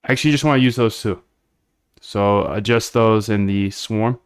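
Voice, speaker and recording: A man's voice: lowish voice, normal speed, clean tone, no room sound, studio quality. A man casually talking through his live coding stream, thinking aloud and answering chat bluntly. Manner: blunt, chatty, thinks aloud while working. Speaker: live-streaming developer of trading bots.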